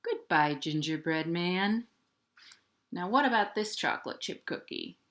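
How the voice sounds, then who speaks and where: Speaking from indoors at home, a children's librarian leads storytime, addressing little ones directly and reading in playful, sing-song rhymes. Her fairly low, slightly bright voice is animated yet unhurried.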